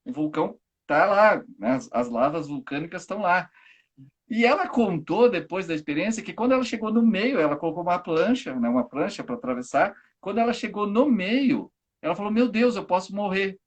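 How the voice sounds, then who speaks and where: A man, a teacher and guest on a live stream, explaining ideas in a casual, lively way and acting out everyday examples. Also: high voice, fairly quick, husky, lo-fi sound.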